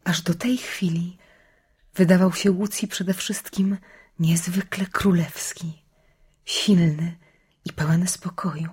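A woman narrating a storybook in a soft, hushed reading. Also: fairly low pitch, steady tone, slow, breathy edge. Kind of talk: scripted narration.

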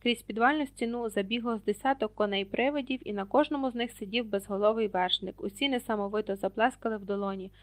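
A woman narrating an audiobook in an expressive, storytelling way, reading out page numbers as she goes. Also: on the high side, quick pace, few pauses, no room sound. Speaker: audiobook reader. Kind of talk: scripted narration.

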